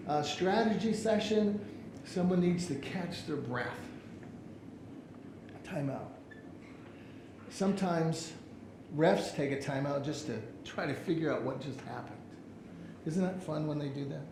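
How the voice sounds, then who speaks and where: High-voiced pastor preaching in an echoey church. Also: male voice, noisy background. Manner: storytelling, acts out the people in his stories. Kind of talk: sermon. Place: church sanctuary.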